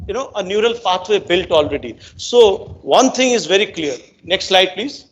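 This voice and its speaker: A man's voice: sits high, a bit bright. A man with an Indian accent giving a motivational educational talk to students, emphatic and repetitive, often checking in with rhetorical questions. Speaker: brain-based coach giving a talk to students. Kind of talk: motivational educational lecture with storytelling.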